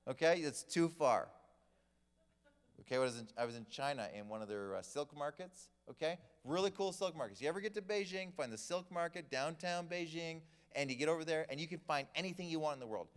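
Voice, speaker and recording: Animated male storyteller in a reverberant hall. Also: a little high, a little fast, clean tone. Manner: animated storyteller, acts out quoted people. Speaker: church class teacher. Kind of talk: humorous teaching talk to a group. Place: church hall.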